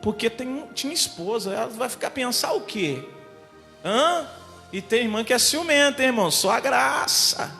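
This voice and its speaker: A man preaching as a church pastor, telling a story in an emphatic, animated way, with a Brazilian Portuguese accent. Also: extremely high pitch, normal speed, vocal fry, in a large hall, faint music behind. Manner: emphatic and animated, builds to shouting. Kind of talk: sermon told as a personal story. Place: church hall.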